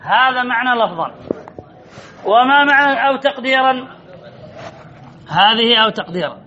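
Guy teaching grammar to a class, really high bright voice, keeps repeating stuff and asking questions, kinda dull lo-fi sound. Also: lively intonation, a little hiss or hum. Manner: repetitive, quizzing the class with drawn-out words. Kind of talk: classroom lesson.

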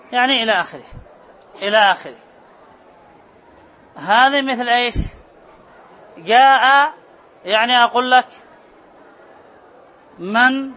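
A man's voice: very high voice, sharp tone. A man teaching a grammar class, repeating key terms and quizzing his students. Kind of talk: classroom lecture. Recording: muffled classroom recording with murmur.

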